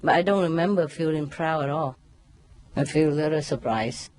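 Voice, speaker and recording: A woman's voice: sits low, moderate pace. Laughing woman telling a story. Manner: laughs often, animated storytelling with sound imitations. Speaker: spiritual teacher. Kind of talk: casual spoken talk.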